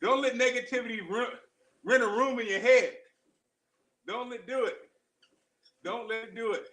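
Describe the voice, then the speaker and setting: A man's voice: very high-pitched, moderate pace, a bit bright. A man giving a casual motivational livestream chat while running on a treadmill, speaking in short, exerted, emphatic phrases and repeating them for stress. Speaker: show host. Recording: roomy, echoing live-stream sound.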